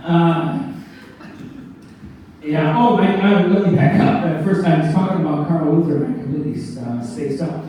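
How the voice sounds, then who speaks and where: A man's voice: on the high side, normal speed, a little hiss or hum. Man lecturing in an echoey hall. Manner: animated, joking, storytelling. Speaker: public speaking trainer. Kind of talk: live seminar presentation. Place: large room with live audience. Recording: echoey hall, mic far off.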